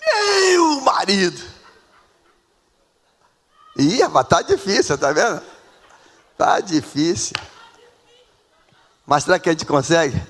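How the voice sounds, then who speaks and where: A Brazilian man with a Brazilian Portuguese accent preaching a sermon in a church, dramatic, swinging between hushed and loud, calling on members of the congregation by name. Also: a little high, big pitch swings, measured pace, long pauses. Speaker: pastor. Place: church sanctuary. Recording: reverberant church hall.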